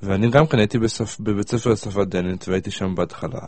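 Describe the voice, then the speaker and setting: A man in a casual chat, explaining things in a slightly halting way. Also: lowish voice, a little mellow, no room sound. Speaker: university student.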